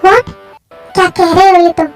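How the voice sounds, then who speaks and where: A woman's voice: very high voice, fairly even intonation, measured pace, faint music behind, pitched above the performer's own voice. A woman voicing a frightened, stubborn young woman in a fan story, refusing and anxious by turns.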